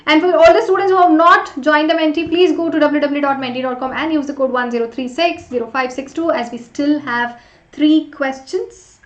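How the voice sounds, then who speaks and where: High-pitched woman teaching online. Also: steady tone, a little fast. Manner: chatty, urging students along with repeated short prompts. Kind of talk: interactive live online lesson with quiz. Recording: roomy echo, slightly dull sound.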